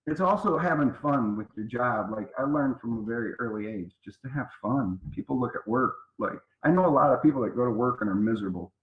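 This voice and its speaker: A man's voice: medium pitch, lively intonation, a little fast, few pauses. Guest co-host, man in his fifties, playful storyteller, dull echoey sound. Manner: playful storyteller who slips into silly voices. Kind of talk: casual chat.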